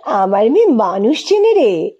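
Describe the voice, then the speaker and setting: A woman's voice: on the high side, sing-song, measured pace, husky, lo-fi sound, heavily acted. A woman playing a wry young wife. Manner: wry, sharp retorts. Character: quick-witted young wife, proud mother.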